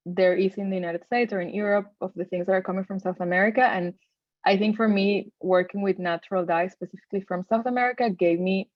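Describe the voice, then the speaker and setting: A Venezuelan woman, a textile designer, gives an informal talk in Venezuelan-accented Spanish, speaking haltingly and conversationally and often correcting herself. Her voice is mid-range, and the lo-fi recording has no room sound.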